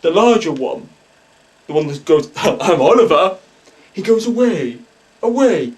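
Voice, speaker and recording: A man playing a hammy spoof psychic medium who speaks in halting, dramatic whispers and gasps in a comic mock documentary. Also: high-pitched, big pitch swings, a little mellow, far from the mic. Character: hammy male stage psychic, breathy and theatrical.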